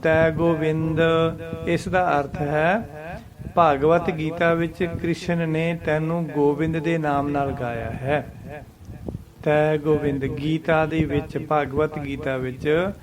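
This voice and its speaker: A man with a Punjabi accent, teaching how to pronounce and pause in scripture lines, reciting them slowly and then explaining their meaning. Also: a little high, flat delivery. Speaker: Gurbani teacher. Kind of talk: scripture pronunciation lesson.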